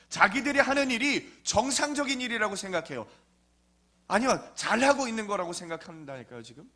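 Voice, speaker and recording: A man's voice: high-pitched, pushed and bright. A man preaching a sermon in a conversational storytelling way, often asking his listeners questions. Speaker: pastor.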